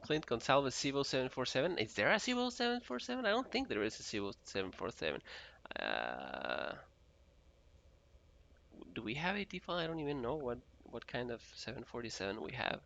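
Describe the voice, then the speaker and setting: Gravelly, bright-voiced man from Mexico streaming. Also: mid-range voice, wildly swooping pitch, a little fast. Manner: chatty, reads viewer messages aloud, laughs often. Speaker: flight sim streamer. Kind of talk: casual live-stream commentary reading chat.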